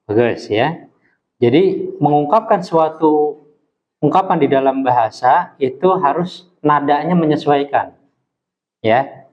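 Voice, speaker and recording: A man teaching an Arabic class, patiently modelling pronunciation slowly for his students. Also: a little high, highs cut off. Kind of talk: classroom lesson.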